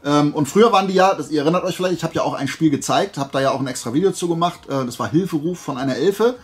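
Racing along at a fairly high pitch, this YouTube host rambles through his casual haul vlog, talking informally and thinking aloud as he goes.

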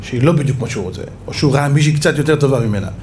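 A man giving an animated sermon as a rabbi, repeating words for emphasis. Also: medium pitch, a little hiss or hum. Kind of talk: sermon with storytelling.

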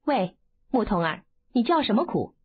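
A woman voicing a haughty, quick-tempered young swordswoman who scolds scornfully. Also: a little high, big pitch swings, slightly rough, pitched below the performer's own voice. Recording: phone-like narrow band.

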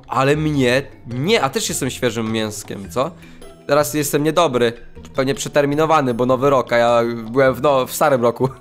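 A man giving excitable let's play commentary, exclaiming and talking to his viewers. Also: on the high side. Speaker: gaming channel host. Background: faint game music.

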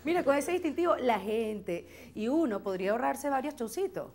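A woman with a Venezuelan accent performing a lively comic monologue on stage, exclaiming as she goes. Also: sits high, normal speed, a little hiss or hum. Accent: Venezuelan Spanish. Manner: animated, exclaiming, slips into acted quotes. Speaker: stand-up comedian.

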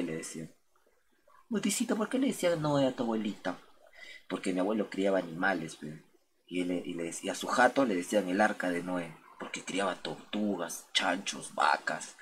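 Very low-voiced young man rambling. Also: a little hiss or hum. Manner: rambling, slangy and profane, addressing chat as "gente". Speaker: streamer. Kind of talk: casual storytelling on a late-night game stream.

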